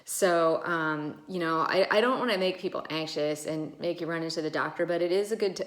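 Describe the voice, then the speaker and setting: A woman ENT doctor explaining casually, with many fillers, who sometimes demonstrates how voices sound. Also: on the low side. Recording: echoey room.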